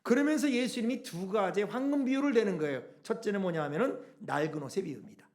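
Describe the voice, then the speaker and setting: A middle-aged pastor preaches a fast, animated sermon from the pulpit in a high voice with lively pitch swings. He fires rhetorical questions at the congregation one after another and briefly acts out quoted voices.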